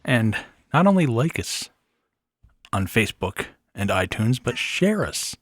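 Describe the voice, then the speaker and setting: A man's voice: big pitch swings, measured pace, no echo, studio quality. A man putting on a creepy velvet-jacket crooner. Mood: creepy crooning. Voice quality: low, velvety, oily purr. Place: podcast studio.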